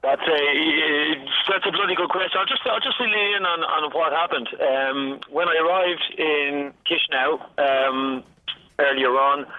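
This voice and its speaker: A man chatting informally and jokily as he reports live over the phone. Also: fairly high pitch. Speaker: radio show presenter on a challenge. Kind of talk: live radio report, casual chat. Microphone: phone call. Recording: thin, phone-like line.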